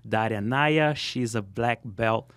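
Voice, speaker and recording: A man hosts a podcast interview in a studio, greeting his guest with energy and frequently restarting his questions. He speaks slowly in a medium-pitched, smooth, slightly bright voice, with no echo.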